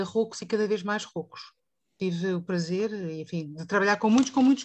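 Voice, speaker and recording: A woman with a European Portuguese accent, a voice teacher leading a panel discussion and putting questions to the group in an expressive way. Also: mid-range voice. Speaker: voice teacher and moderator.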